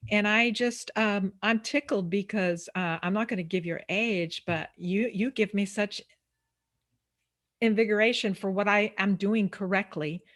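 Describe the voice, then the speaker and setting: A woman's voice: mid-range voice, fairly even intonation, measured pace, a bit bright. A woman hosting a casual interview, chatty, with many fillers and playful asides. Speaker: interview host.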